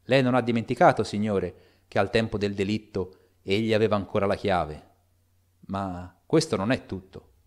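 A man's voice: lowish voice, steady tone, normal speed, natural voice. A man reading as an anxious, loyal old butler. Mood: earnest.

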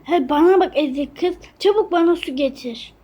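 A woman's voice: sits high, moderate pace, muffled recording, close to an everyday voice. A woman voicing a cruel, bossy stepmother who barks harsh, mocking orders in a game role-play.

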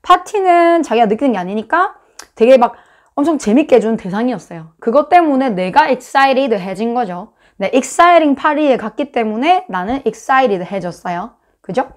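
A woman's voice: fairly high pitch, expressive, normal speed. A woman with a Busan accent explaining English grammar in a casual, chatty lesson, acting out examples with sound effects. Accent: Busan Korean. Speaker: English teacher.

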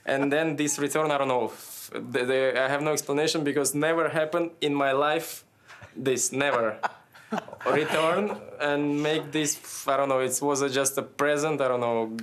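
In his twenties, this tennis player reviews a finished match for a post-match interview over a remote video link from a press room, framed head and shoulders. His voice is fairly high and fairly bright, with fairly even intonation and a moderate pace, as he searches for words, restarts sentences and laughs. Slight background noise is present.

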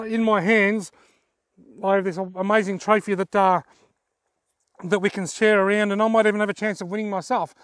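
A fishing vlogger and host in his forties, with an Australian accent, talks to camera casually and enthusiastically on a bushland dirt track. His voice sits high, and the audio is studio quality with no room sound.

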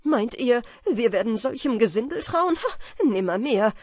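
A man's voice: very high voice, animated, moderate pace, a little mellow, breathy edge, dry recording, pitched above the performer's own voice, heavily acted. A woman voicing a tall, bearded young male student with scornful, defiant outbursts.

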